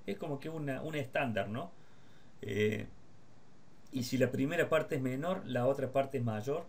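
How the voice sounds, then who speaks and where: A man with an Argentine Spanish accent, teaching guitar in a casual one-on-one lesson, explaining rhythm with quick rhetorical questions. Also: medium pitch. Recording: guitar playing in the background.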